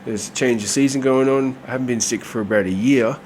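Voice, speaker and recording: A tarot reader with a cold gives a casual, chatty reading, his mid-range voice nasal and congested. He talks fast, relaxed and full of fillers, over a faint hiss or hum.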